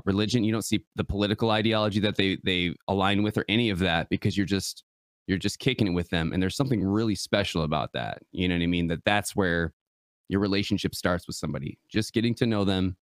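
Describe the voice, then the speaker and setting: Deep-voiced earnest young man, dry sound. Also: a little fast, dry recording. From West Michigan, USA. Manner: relaxed, earnest, many fillers like "you know". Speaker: guest, gaming preacher. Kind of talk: casual interview conversation.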